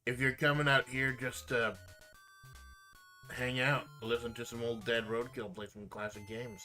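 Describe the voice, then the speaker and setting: A man's voice: mid-range voice, little pitch movement, unhurried, bright, forceful tone, faint music behind, rough recording. A man chatting casually on a live stream, laid-back and swearing freely, sometimes mumbling. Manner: mumbles at times.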